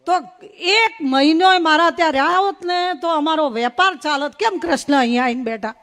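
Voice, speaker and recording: A woman's voice: high voice, normal speed, fairly bright tone. A middle-aged woman from Gujarat, giving a humorous public speech at a village gathering, telling folksy stories in rhyming phrases. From North Gujarat. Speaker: invited speaker at a folk gathering.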